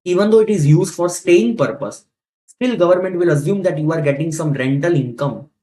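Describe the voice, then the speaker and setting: Speaking briskly in a fairly high, mellow voice, a male tax teacher with an Indian accent delivers a classroom lecture. He drives the lesson home by repeating the main points and throwing out rhetorical questions.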